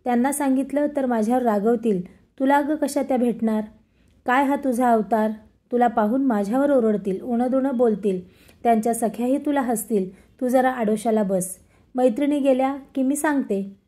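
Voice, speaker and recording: A woman's voice: on the high side, moderate pace, mellow, lightly acted. A woman voicing a nervous palace maid. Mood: anxious. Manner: questioning, pleading. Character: anxious palace maidservant.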